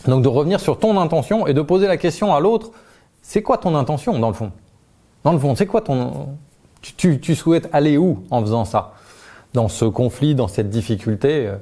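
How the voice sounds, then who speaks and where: A man with a warm, mellow voice explains a method step by step in relaxed, off-the-cuff speech. He speaks informally, full of hesitations and restarts, and his pitch lifts as he calls out each new step. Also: moderate pace. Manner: informal, uses tu, many fillers and restarts, laughs lightly. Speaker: communication trainer. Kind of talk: spontaneous explanatory talk.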